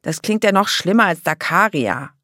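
A woman's voice: on the low side, lively intonation, normal speed, pushed and bright, no echo, studio quality, pitched above the performer's own voice. A woman voicing a cheeky, blunt young vampire girl in an audiobook. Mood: grumpy.

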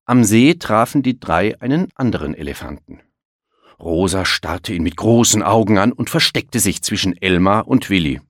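A man with a very deep voice reading a children's picture book aloud. His pitch moves freely up and down as he tells the story, and the recording is close and dry. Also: normal speed, no room sound. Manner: expressive read-aloud storytelling. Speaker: narrator.

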